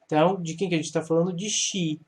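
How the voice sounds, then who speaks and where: A man's voice: on the high side, steady tone. A man teaching an English grammar lesson step by step, patiently asking questions and answering them himself. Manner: patient, explains slowly, asks and answers his own questions.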